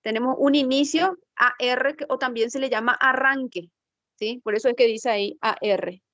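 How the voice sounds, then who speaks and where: A woman's voice: on the high side, normal speed, fairly bright tone, no room sound, muffled recording. A woman teacher explaining a lesson in an online class, patiently checking that students follow along and thinking aloud as she works the slides. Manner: checks understanding with frequent tag questions.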